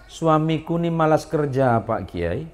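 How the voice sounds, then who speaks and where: A man voicing a timid housewife who complains to a preacher about her husband, in a slow, hesitant, plaintive way. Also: deep voice, expressive, a little mellow.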